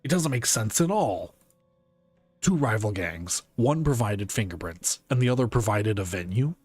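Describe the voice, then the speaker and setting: Man reading as a measured, serious police detective. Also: fairly low pitch, animated, breathy edge, no room sound, faint music behind. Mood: puzzled. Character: calm, conscientious male police detective pondering a case. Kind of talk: reading game dialogue aloud.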